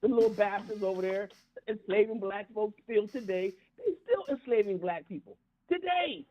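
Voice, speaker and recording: On a tinny phone line, a man with a high, warm voice and lively intonation speaks as a panelist on a call-in talk show during an impassioned group discussion. He is emphatic, repeating himself and restarting his words haltingly.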